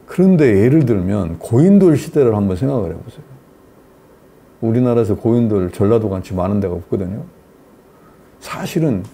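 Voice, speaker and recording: A man's voice: on the low side, gravelly, dark tone, breathy edge. An older man giving a public lecture in a lecture hall. He talks in a chatty way, telling jokes and putting questions to the audience.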